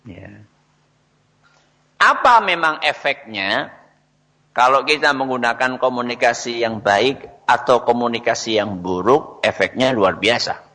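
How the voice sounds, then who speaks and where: Slow-speaking man preaching in a hall. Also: medium pitch, expressive, pushed and bright. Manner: asks the audience questions and answers them himself. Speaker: religious speaker. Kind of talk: Islamic parenting talk to an audience.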